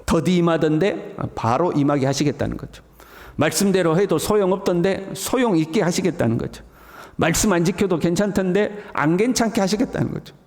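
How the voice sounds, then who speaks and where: High-pitched yet darkish, a male pastor's voice moves a little fast as he delivers an early morning sermon, often mimicking scoffers' mocking tones. The church hall recording has a long reverb.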